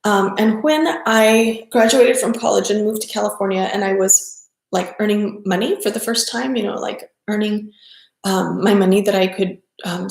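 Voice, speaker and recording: A woman's voice: medium pitch, a little mellow. A middle-aged woman from South Texas, a yoga teacher, talking casually on a livestream in a chatty, rambling way with many ums and self-corrections. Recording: echoey room.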